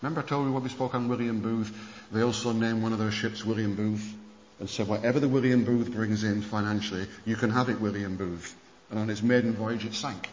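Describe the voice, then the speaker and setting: A male preacher delivers a sermon lecture on church history in a conference hall, telling stories animatedly and fairly quickly with many restarts. His voice is low, and the dull, muffled hall recording has long reverb and faint background noise.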